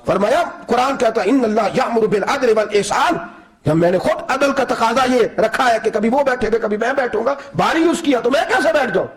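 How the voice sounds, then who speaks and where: A man giving an emotional sermon, telling stories dramatically and acting out the people in them, rising to near-shouts at the peaks. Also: extremely high pitch, lively intonation. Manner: dramatic, acts out quoted voices, rises to near-shouting peaks. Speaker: preacher. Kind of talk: emotional Urdu sermon with storytelling.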